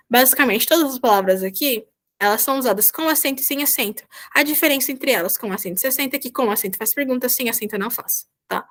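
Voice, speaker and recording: Brazilian woman, volunteer teacher on a video call, fairly high voice, patient and repetitive, checks in often. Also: a bit bright. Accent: Brazilian Portuguese. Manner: patient, repeats "tá?" to check understanding. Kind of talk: online class explanation.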